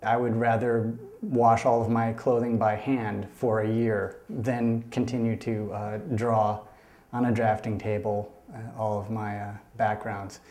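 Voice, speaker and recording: A comic artist speaking earnestly in a documentary interview, halting now and then. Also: male voice, fairly low pitch, level tone, a little mellow. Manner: earnest, halting, with many fillers.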